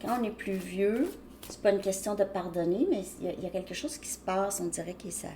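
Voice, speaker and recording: A woman speaks at an ordinary middle pitch as she gives a casual tarot reading to her viewers. Her speech is loose and rambling, full of small restarts. A faint hum of room ambience sits beneath her voice. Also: fairly quick, warm tone. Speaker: tarot reader.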